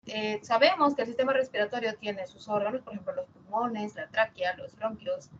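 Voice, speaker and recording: A woman's voice: medium pitch, normal speed, a bit bright, muffled recording, a little hiss or hum. A woman teaching a language lesson, explaining patiently and checking in with her students as she goes. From Peru. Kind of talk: online class lecture.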